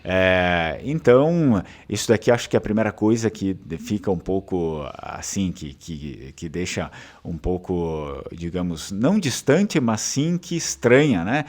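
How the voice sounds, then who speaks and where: A man from southern Brazil, speaking with that region's Portuguese accent, hosts his channel in relaxed, rambling talk packed with fillers and restarts. His voice is low-pitched, expressive, and unhurried, with a darkish tone.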